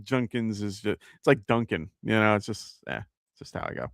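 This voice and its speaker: A man with a New York accent talks in a relaxed, rambling way, stopping often on "uh" and "um" as he works through his picks out loud. His voice sits low with a gravelly edge, yet it stays smooth and full. The sound is close and dry, with almost no room around it. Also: moderate pace, no room sound. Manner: casual and conversational, thinking aloud with many fillers. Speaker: fantasy football show host. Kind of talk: live-stream chat answering viewer questions.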